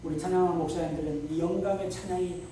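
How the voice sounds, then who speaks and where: A middle-aged man preaching a lively revival sermon, joking and breaking into shouts. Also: a little high, quick pace, slight background noise. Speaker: pastor. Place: large church sanctuary. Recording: very echoey church hall from far off.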